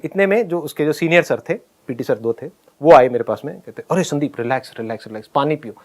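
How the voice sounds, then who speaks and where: A middle-aged man casually telling a personal story, animated, often laughing and acting out what people said. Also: a little high, fast talker. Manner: animated, laughs while telling, acts out quoted lines.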